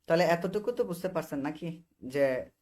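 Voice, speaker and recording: A man's voice: a little high, expressive, moderate pace, darkish tone. A young Bangladeshi man teaching an online English class over a video call, explaining grammar by repeating short phrases and often checking that students understand. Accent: Bangladeshi Bengali.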